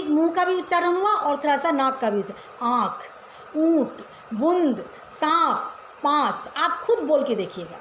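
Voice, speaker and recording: In an echoey room with faint ambience and slight hiss or hum, a high-voiced woman teaches Hindi to children informally. She walks through each step and regularly asks the kids questions.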